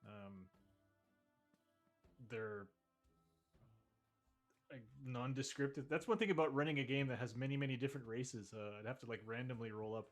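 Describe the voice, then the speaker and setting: A man with an average-pitched voice narrates a tabletop game as game master. He improvises casually, rambling and pausing as he goes. Soft music sits in the background. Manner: halting, rambling.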